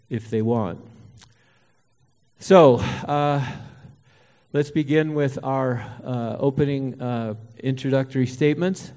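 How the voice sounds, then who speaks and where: Halting, folksy man moderating in a hall. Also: mid-range voice, warm tone. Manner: folksy, halting with many fillers. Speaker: forum moderator. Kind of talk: moderating a candidates forum. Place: auditorium hall. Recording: reverberant hall.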